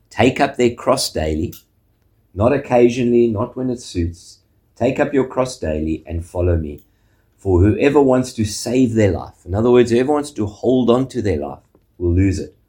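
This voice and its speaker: Preaching as a pastor, this South African man keeps a measured pace and tends to finish points with an inquiring "eh?". His voice sits on the lower side and sounds mellow.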